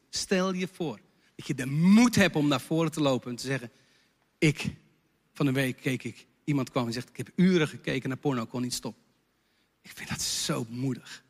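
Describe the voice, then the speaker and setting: A man preaches from the front of a church, talking animatedly about a song he wrote and breaking into its lines. His voice sits fairly high, and the hall's long reverb hangs behind every phrase. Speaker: pastor and songwriter. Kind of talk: sermon explaining a worship song. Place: church hall.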